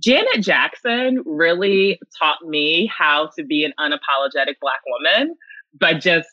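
A woman's voice: low-pitched, measured pace, pushed and bright, dry recording, muffled recording. A young woman speaking earnestly as a guest in a podcast interview. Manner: earnest, grows emotional.

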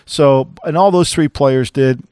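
A man's voice: mid-range voice, unhurried, a little mellow, clean tone, no room sound. A man co-hosting a football podcast, blunt and opinionated, rambling with restarts in casual sports talk. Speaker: co-host, former NFL executive.

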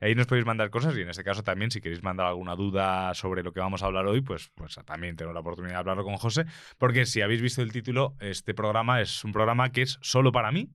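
A man's voice: fairly low pitch, fast talker, fairly bright tone, smooth, no room sound, studio quality. A man hosting a podcast, chatting casually in a joking, self-mocking, rambling way. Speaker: podcast host.

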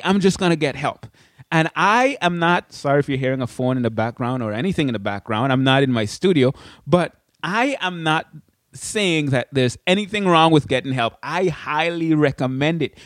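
A man's voice: a little high, no room sound, studio quality. A man from the Caribbean hosting a podcast in a casual, chatty way with frequent restarts and asides. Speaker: podcast host. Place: indoors away from his studio.

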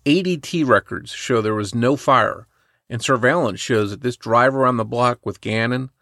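Man, true crime podcast host, measured scripted narration, dry close sound. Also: mid-range voice, vocal fry, a bit bright, dry recording.

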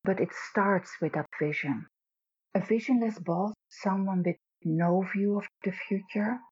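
Woman, Dutch accent, slightly husky, earnest podcast guest, deliberate short phrases, dull lo-fi audio. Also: medium pitch, a little mellow. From Netherlands. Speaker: guest co-host, leadership coach. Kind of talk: podcast interview talk.

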